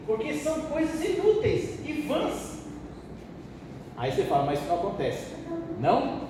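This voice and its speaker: Informal pastor in an echoey church hall. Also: male voice, high voice. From Brazil. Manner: colloquial, joking, asks the audience questions. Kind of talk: Bible study teaching. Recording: echoey hall, distant mic, background noise.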